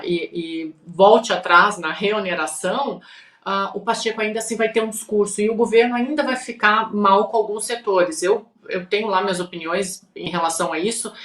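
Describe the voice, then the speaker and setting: A woman's voice: medium pitch, a bit bright. Brazilian woman analyst in echoey room. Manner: analytical, measured, frequent "né?". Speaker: political commentator. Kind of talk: political panel discussion.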